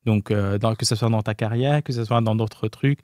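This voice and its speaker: A man's voice: fairly low pitch, steady tone, dark tone, dry recording. Man with foreign-accented French, very dry sound. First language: not French. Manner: hesitant, pausing and rephrasing often as a second-language speaker. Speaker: podcast guest. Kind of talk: casual, candid interview talk.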